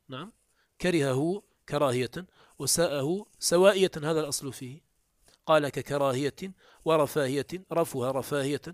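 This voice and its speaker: Guy teaching old arabic grammar, reads the text then breaks it down, kinda high voice, dry sound. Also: no room sound. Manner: reads quoted text aloud, then explains it step by step; pitch jumps up when introducing quotes. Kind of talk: classical text commentary lesson.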